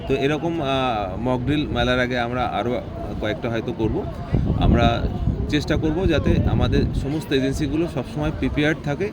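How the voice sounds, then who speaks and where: A man's voice: medium pitch, brisk. A man giving an explanatory official briefing outdoors, mixing in English terms. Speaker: district administration official. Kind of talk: press briefing to camera. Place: outdoors at a festival site. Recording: loud outdoor ambient and vehicle noise.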